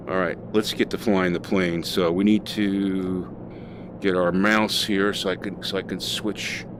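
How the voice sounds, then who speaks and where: A man with a very low voice talks casually through a flight simulator session, thinking aloud and pausing on fillers. A steady noise hums under the recording. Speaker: flight sim streamer. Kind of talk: casual gameplay commentary.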